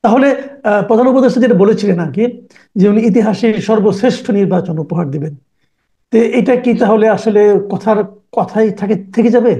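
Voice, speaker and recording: A man hosting a political talk show, asking measured, probing questions. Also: high voice, dark tone.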